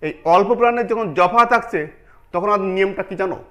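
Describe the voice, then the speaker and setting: A man with a high, slightly bright voice talks fast in a steady tone. He's giving an online pronunciation lesson, going step by step, repeating the key points, and asking his students questions.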